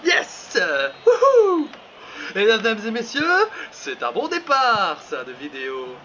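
A man commentating his own football video game career live, excitable, breaking into shouts and laughter before calming himself down. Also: high voice, a little slow. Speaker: gaming channel host. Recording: muffled lo-fi sound with steady background noise.

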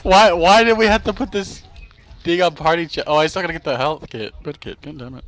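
A young man casually commentating a shooter game with a friend, swearing, yelling and laughing in frustration. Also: a little high, fairly quick. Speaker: gamer co-host.

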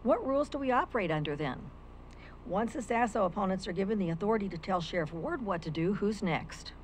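In a county meeting room, an older American woman stands at a lectern microphone and reads a prepared legal argument as public comment, formally and argumentatively quoting legal texts. Her mid-range voice is lively and brisk, captured on a rough recording with slight background noise.

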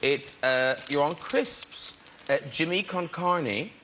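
A man's voice: fairly high pitch, slow pace. A man with an Irish accent hosting a chat show, teasing his guests playfully. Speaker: talk show host. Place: TV studio with live audience. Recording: loud studio audience and noise.

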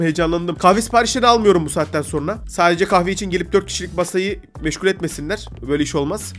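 A man with a stuffy nose from a cold, hosting a casual let's-play and chattily bossing the game's customers around. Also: a little high. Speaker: gaming video host.

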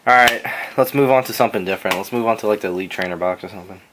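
A man's voice: lowish voice, rapid-fire, background noise. Profane young man telling rambling stories. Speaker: host opening trading card packs. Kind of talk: casual chat. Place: basement room.

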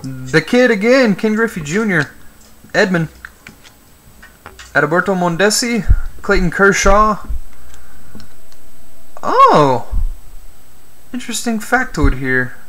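Slow, bright-voiced man calling out cards. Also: high-pitched, sing-song. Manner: reads names aloud, chats with viewers, jokes about yawning. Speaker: card break host. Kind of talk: live-stream commentary while opening cards.

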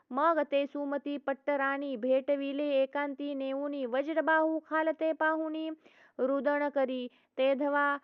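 A high-voiced woman recites devotional verse in a slow, flat, chanting cadence. The sound is thin and phone-like, with no room echo around her. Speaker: scripture reader. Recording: tinny phone-like dry recording.

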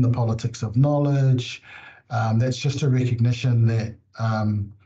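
Nz professor talking slow and thoughtful on a video call, dark voice, dull sound. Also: male voice, mid-range voice. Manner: measured, reflective, frequent um fillers. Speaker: panel presenter, professor. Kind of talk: webinar presentation. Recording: muffled video call audio.

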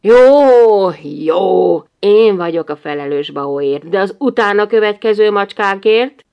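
A woman reading an audiobook voices an irritable middle-aged husband who grumbles and shouts in a lowered voice. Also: lively intonation, gravelly, dull audio. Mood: exasperated.

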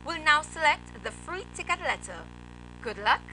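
A woman's voice: sits high, sing-song, normal speed, very noisy. A young woman presenting a televised lottery draw, announcing formally from a script as the host. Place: TV studio.

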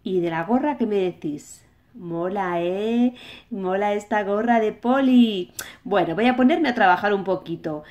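A woman's voice: mid-range voice, measured pace, a little mellow, dull audio, close to an everyday voice. A woman with a Spain accent voicing a friendly, bossy toy policeman for children, chatty and sing-song. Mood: chatty, proud. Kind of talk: toy play-acting for children.

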